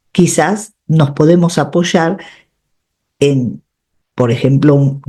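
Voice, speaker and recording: A middle-aged woman, a radio host and coach, offers reflective step-by-step advice on personal growth, frequently checking in with tag questions. Her voice is fairly low with a dark tone.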